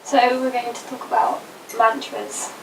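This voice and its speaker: A woman's voice: a little high, little pitch movement, moderate pace, gravelly. A young woman co-hosting a casual chat, playfully echoing her friend's words. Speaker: YouTube co-host. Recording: roomy, distant mic with faint noise.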